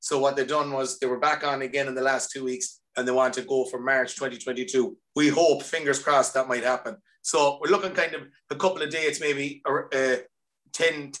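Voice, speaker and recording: A man's voice: mid-range voice, fairly even intonation, moderate pace, a bit bright. West of Ireland man, casual rambling chat. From County Mayo, west of Ireland. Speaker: musician guest. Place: remote video call.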